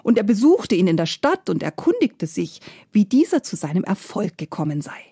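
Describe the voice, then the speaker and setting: A woman telling a fairy tale in expressive scripted narration, sometimes dropping to soft whispered phrases. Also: medium pitch, normal speed, breathy edge, no room sound, clean studio sound. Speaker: storyteller.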